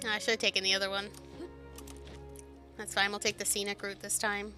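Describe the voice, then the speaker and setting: A woman's voice: medium pitch, completely flat delivery, a little fast. A woman streaming a game, chatting to herself casually as she plays. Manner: chatty, talks to herself while playing. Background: game music.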